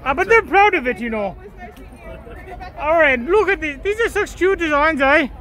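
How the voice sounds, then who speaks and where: With faint crowd chatter around her, a woman vlogger talks casually as she makes her way through an outdoor convention promenade, adopting a put-on pirate manner and growling "arr" now and then. Her high voice is animated and fairly bright, moving at a moderate pace.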